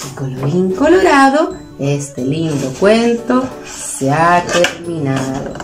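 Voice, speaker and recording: A Chilean woman, a preschool educator, tells a picture-theater story to small children. Her delivery is sing-song and lively, with pitch rising and falling constantly. The room is echoey, with soft music in the background. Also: slow pace. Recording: roomy room with faint music.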